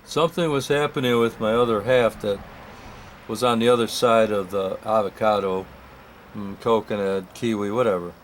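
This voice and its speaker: A man's voice: lowish voice, fairly even intonation, moderate pace, slight background noise. A man telling a first-person story, rambling and correcting himself with comic asides.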